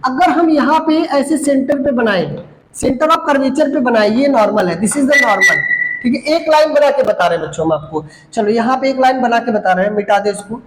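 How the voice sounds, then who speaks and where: Woman physics teacher, bright high voice, repetitive drilling delivery, echoey room with faint background noise. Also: normal speed. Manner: repeats key terms, asks and answers own questions; stretches out English definitions word by word. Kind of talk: classroom lesson at a board.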